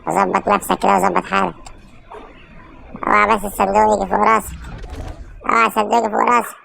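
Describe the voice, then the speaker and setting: A woman with an Egyptian accent giving excited live gameplay commentary, urging her teammates on with frequent shouted calls. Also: medium pitch, fast, creaky, slight background noise. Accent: Egyptian Arabic. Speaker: gamer streamer.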